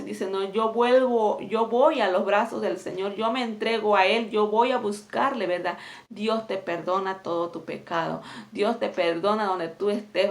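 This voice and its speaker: A woman preaching an exhorting sermon, constantly checking in with her listeners. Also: mid-range voice. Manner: constantly inserts "¿verdad?" and "¿me entiendes?"; exhorting, earnest.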